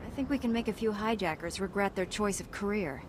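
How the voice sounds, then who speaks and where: A woman's voice: mid-range voice, fairly quick, noisy background, lightly acted. A woman playing a resolute, principled knight in a video game, formal and composed. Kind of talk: scripted video game dialogue.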